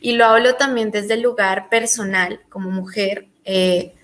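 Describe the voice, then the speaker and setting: A woman from Colombia moderating an online panel, thinking aloud with frequent pauses and fillers. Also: medium pitch, steady tone, a bit bright, a little hiss or hum.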